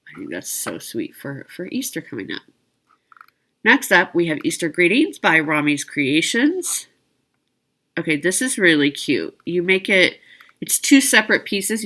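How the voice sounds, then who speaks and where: A woman presents needlework products as a video host, relaxed and talkative, frequently fixing her wording and slipping in asides. Her pitch is fairly low, and her voice comes across as pushed and bright.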